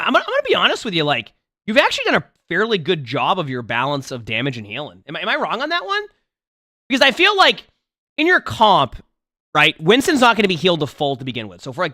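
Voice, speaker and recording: On a stream, a slightly hoarse man who's under the weather coaches a player through gameplay, speaking straight to them about their mistakes. His voice is on the high side, pushed and bright. The dry recording is studio quality.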